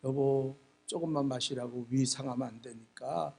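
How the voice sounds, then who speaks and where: Quoted role: gentle, pleading middle-aged wife, husky and fairly high, done by a male preacher. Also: brisk. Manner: soft, hushed.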